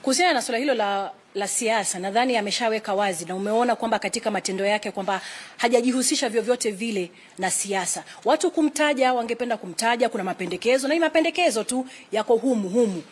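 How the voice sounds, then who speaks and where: Quick and nearly pauseless, a high-leaning female voice answers reporters formally and explains at length; she is a Kenyan-accented woman in her thirties representing a retired president's office. The press briefing takes place indoors among flags, and a little hiss or hum is audible.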